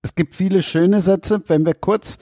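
A male host in a casual interview, giving relaxed, enthusiastic prompts. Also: sits high, unhurried.

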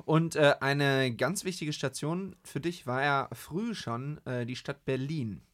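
A man's voice: mid-range voice, slow pace, a bit bright, dry recording. A man hosting a podcast interview, asking casual questions and laughing along. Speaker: podcast host.

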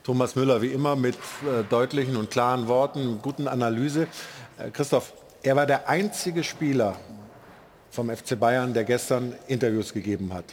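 Man, sports talk host, medium pitch, casual moderation, slight background noise. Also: steady tone, moderate pace.

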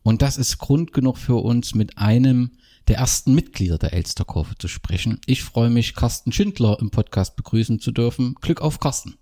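Male podcast host, mellow mid-pitched voice, conversational interview. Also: expressive, moderate pace.

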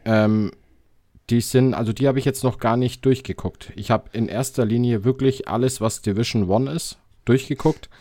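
A man with a German accent co-hosting a football podcast in relaxed casual chat, friendly and easygoing. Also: medium pitch, normal speed, dry recording. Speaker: podcast co-host.

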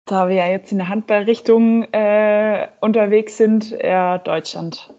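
A woman in her twenties from Belgium, a handball player answering interview questions in a relaxed, hesitant way with many fillers. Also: medium pitch, unhurried. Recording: slightly muffled recording.

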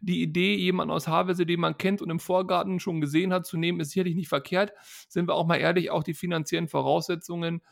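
A man's voice: sits high, little pitch movement, fast talker, creaky. A man from Germany co-hosting a casual football podcast, joking and teasing the others. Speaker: podcast co-host.

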